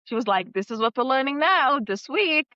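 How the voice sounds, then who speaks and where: A woman's voice: high voice, expressive, moderate pace, no echo. Woman from lithuania, podcast guest, chatty with lots of "like", laughs often, dry slightly muffled audio. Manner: warm, laughs often, flowing with fillers like "like". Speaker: guest, co-author. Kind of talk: casual podcast chat.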